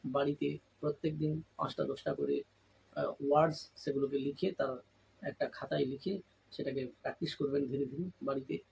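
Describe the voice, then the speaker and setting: A man giving a spoken English lesson, slowly splitting words into syllables and spelling them out letter by letter. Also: medium pitch, lively intonation, gravelly, a little mellow, breathy edge, low-quality recording. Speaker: English teacher.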